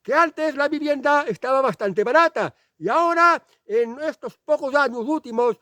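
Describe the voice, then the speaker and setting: A man's voice: very high-pitched, moderate pace, sharp tone, dry recording. A man from Spain with a Spanish accent, delivering an indignant, emphatic opinion monologue as a channel host.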